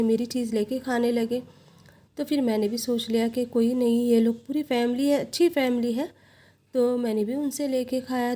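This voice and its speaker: A woman telling a somber first-person story in a steady, recounting way. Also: a little high.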